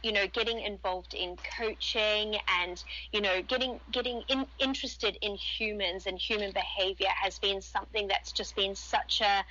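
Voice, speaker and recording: Hesitant bright-voiced woman guest from Zimbabwe. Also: medium pitch, steady tone, normal speed, hardly any pauses, lo-fi sound. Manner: hesitant, searching for words. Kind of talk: casual radio interview.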